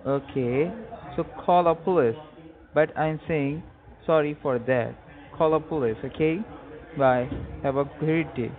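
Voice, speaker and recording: A young man making a prank call, speaking halting, repetitive broken English. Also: a little high. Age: young adult. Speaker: prank caller. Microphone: telephone. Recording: tinny phone line.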